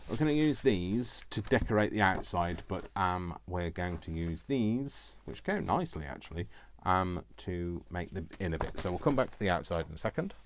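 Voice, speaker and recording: Self-deprecating jokes keep cropping up as a deep-voiced man meanders through a laid-back, chatty craft demonstration. Background noise is noticeable, and small clicks are audible on the recording.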